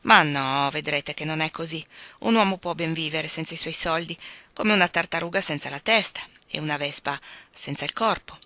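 A woman reading aloud, voicing a worldly young gentleman who consoles a friend in a breezy, mocking way. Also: sits low, moderate pace, no room sound. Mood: flippant.

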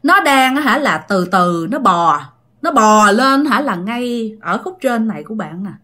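A woman's voice: on the high side, animated, a little slow, pushed and bright. A woman with a Southern Vietnamese accent telling a ghost story in a chatty, dramatic way, talking straight to her listeners.

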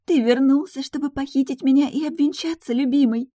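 An audiobook reader voicing a clingy, lovesick young townswoman who pleads in a breathless, shrill voice. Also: fairly quick, dark tone, natural voice. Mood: pleading. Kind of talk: audiobook character voice.

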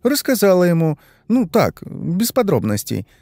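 A man's voice: high-pitched, wildly swooping pitch, creaky, warm tone, dry recording, studio quality, voice pushed up, exaggerated voice. A man voicing a chatty, gushing, gossipy young woman who talks in a fawning chirp. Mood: chattering. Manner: chirping, fast-flowing, fawning.

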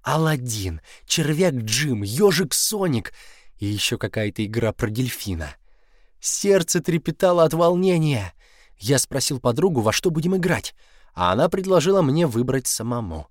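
A man reads a first-person story aloud in a scripted, expressive way. He stretches out key words for emphasis. His voice sits at a middle pitch, and the close recording is dry, with no room sound. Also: no room sound. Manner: expressive reading, slowing down to linger on key words. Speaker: audiobook narrator.

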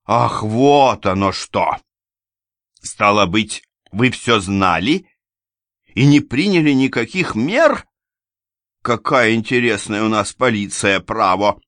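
A man's voice: sing-song, a little slow, pushed and bright, dry recording, studio quality, full character voice. A man doing a sneering haughty noblewoman. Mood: shouting. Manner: sneering, shrill outbursts. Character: scornful noblewoman landowner, haughty and defiant.

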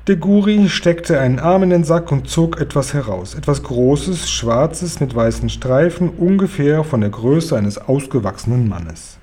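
Man reading a story in a dark voice. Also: fairly high pitch, measured pace, hardly any pauses. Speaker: reader of a children's book.

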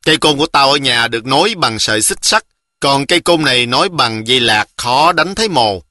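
A man's voice: mid-range voice, animated, brisk, bright, forceful tone, no echo, studio quality. A man voicing a boastful, cocky village boy, teasing and breezy.

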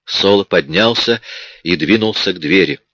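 A man narrates a crime novel in a steady, even manner. His voice is very deep and dry. The recording has a dull, muffled quality. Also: normal speed, no echo. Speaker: audiobook narrator.

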